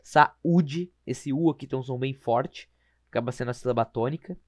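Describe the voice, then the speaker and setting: A man explaining grammar rules over slides, informal, often slowing to spell words out and correcting himself. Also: medium pitch, no room sound, studio quality. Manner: informal, repeats words slowly, self-correcting. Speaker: teacher.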